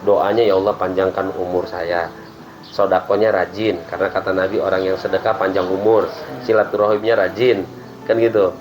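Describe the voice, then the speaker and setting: A man who teaches religion, explaining Islamic ideas in a relaxed podcast chat and acting out prayers as he talks. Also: low voice, moderate pace, over music, rough recording. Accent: Indonesian. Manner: lively explaining with acted-out prayers and laughs.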